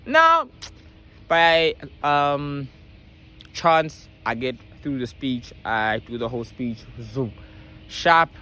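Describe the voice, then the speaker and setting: A man's voice: medium pitch, very animated, extremely slow, pushed and bright, a little hiss or hum. A young man vlogging casually. He talks in slang, with a stutter and frequent restarts. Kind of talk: casual storytelling to camera.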